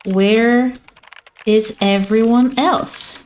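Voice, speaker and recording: A gaming streamer with a slightly high, darkish voice, fairly even intonation, and drawn-out words, with a little hiss or hum in the audio. She does playful, mock-dramatic let's play commentary, arguing with an on-screen character while she plays.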